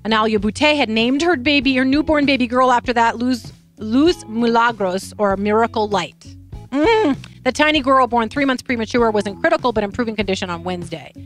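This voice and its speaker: A woman's voice: on the high side, brisk, soft background music. Emotional woman hosting a talk show. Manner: warm-hearted, emotional storytelling with restarts. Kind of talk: casual news chat.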